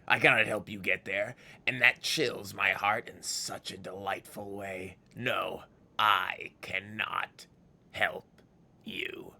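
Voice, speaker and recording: An old exiled fiend from a fantasy game, low and gravelly with a sharp, forceful edge. He is scornful and scheming, theatrical like a ghoulish villain, savoring each word and spitting out his disgust. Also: fairly even intonation, slow pace, heavily acted. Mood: gloating. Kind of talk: dramatic video game character read-aloud.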